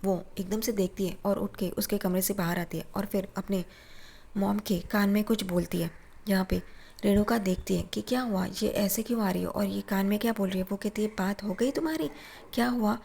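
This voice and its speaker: A woman's voice: mid-range voice, fairly even intonation, fairly quick, vocal fry, darkish tone, husky. A woman recapping a TV serial episode, reading out every character's lines in her own plain voice. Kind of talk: recap narration with quoted dialogue.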